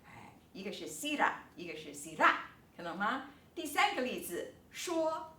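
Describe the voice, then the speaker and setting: A woman professor giving a recorded online lecture, explaining in an animated, emphatic way and stretching words for effect. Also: mid-range voice, normal speed, roomy sound, recorded from a distance. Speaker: linguistics professor.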